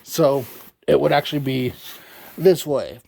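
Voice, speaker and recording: A man's voice: mid-range voice, unhurried, vocal fry, darkish tone. A man hosting a toy review channel, giving a casual how-to demonstration at home, rambling with lots of "uh" fillers and self-corrections. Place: home recording studio. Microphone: camera mic, partly a GoPro.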